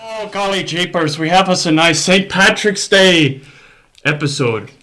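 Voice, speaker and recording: A man's voice: high voice, a little slow, pitched above the performer's own voice. A man putting on a hammy stage-Irish voice. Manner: loud, chirpy, hammy.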